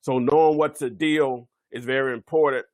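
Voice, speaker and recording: A man's voice: mid-range voice, steady tone, moderate pace, no room sound. A man presenting a real estate webinar, talking off the cuff with many fillers and self-corrections. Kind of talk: unscripted instructional webinar talk.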